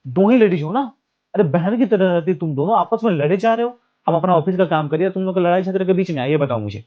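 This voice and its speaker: A man's voice: sits high, expressive, fast. A man playing an elder brother who scolds his wife and sister-in-law for fighting, in an amateur family drama. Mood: scolding. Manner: lecturing, scolding. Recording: dull lo-fi sound with faint music.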